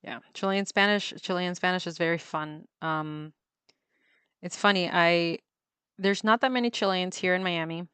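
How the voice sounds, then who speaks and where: A woman livestreamer draws on a tablet while chatting casually, laughing often and stumbling over ums and restarted words. Her slightly low voice is a bit bright, clear and resonant. She sits close to the mic, and the sound is dry with no room sound.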